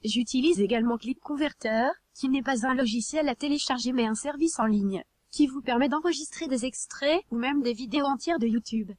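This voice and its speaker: High synthetic female narrator voice, dry sound. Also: brisk, few pauses, darkish tone, no room sound. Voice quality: synthetic text-to-speech voice. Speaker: narrator of a hobby tutorial video. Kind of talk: scripted narration.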